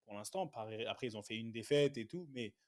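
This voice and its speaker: A man with an ordinary mid-range voice co-hosting a casual podcast. He talks in a relaxed way, often trailing off and repeating phrases as he goes. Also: mid-range voice, fairly quick. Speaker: podcast co-host.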